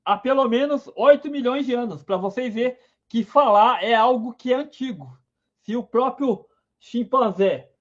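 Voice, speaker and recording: A man's voice: very high-pitched, normal speed. A man hosting a casual live science stream, enthusiastic, greeting viewers by name. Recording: dull lo-fi stream audio.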